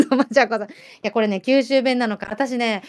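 A woman with a Kyushu accent chatting casually as a livestream host, lively and laughing often while answering viewer comments. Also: a little high, normal speed. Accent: Kyushu Japanese. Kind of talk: casual chat.

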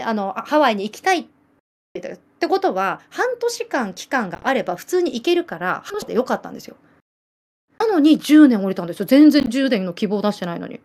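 A woman in her late thirties from Japan, with a Nagasaki island accent, chatting casually on a livestream, reading viewer comments and telling stories with giggles. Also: fairly high pitch. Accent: Nagasaki island dialect. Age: late 30s. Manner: chatty, giggly, animated storytelling. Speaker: livestream host.

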